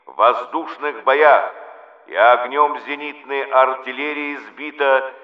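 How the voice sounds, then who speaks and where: A man's voice: mid-range voice, fairly even intonation, takes it slowly. Solemn male radio announcer, old archival broadcast. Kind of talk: wartime radio news bulletin. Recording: dull, roomy archival radio recording.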